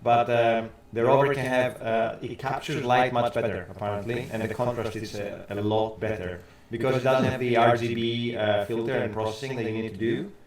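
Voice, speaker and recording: A man chats and explains things at an ordinary pitch, but his voice comes out hollow, as if through a tube. It sounds very echoey and set back from the mic. He rambles casually and restarts his sentences often. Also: fairly even intonation, normal speed, hardly any pauses, distant mic. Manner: chatty and explanatory, with frequent restarts. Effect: hollow, boxed-in sound as if talking through a tube. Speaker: co-host. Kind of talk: casual talk show chat.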